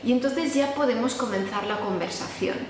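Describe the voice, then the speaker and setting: In a room with long, echoing reverb, a woman from Spain teaches a relaxed online class in a Spanish accent, explaining material and performing example dialogues. Her voice sits a little high at a moderate pace, over slight background noise.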